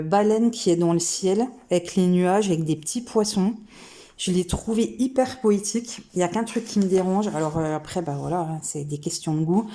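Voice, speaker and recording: In a craft video, a woman chats casually and enthusiastically to camera while unboxing cross-stitch kits, thinking aloud with many hesitations. Her voice is lowish and warm.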